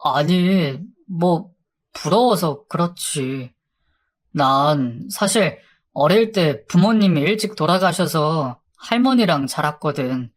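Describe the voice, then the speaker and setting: A laid-back young man , voiced by a woman storyteller in nearly her own voice, teasing with a casual grin in his words. He speaks loosely and plainly, never raising his voice. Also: on the low side. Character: goofy, easygoing young man who teases.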